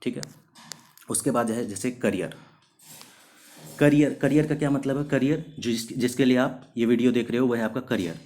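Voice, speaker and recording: In a recorded video lesson, a man with a mid-range, darkish voice teaches English vocabulary, working through each word step by step in Hindi peppered with English terms. He poses questions and answers them himself, slowing down sharply whenever he reads out example sentences.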